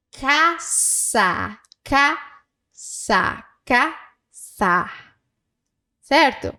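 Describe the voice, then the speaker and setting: Patient woman teacher, a bit high-pitched, slow and deliberate, drills pronunciation. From South America. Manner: slow, patient, repeats words for the learner to echo. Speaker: Spanish teacher. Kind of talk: language lesson with pronunciation drills.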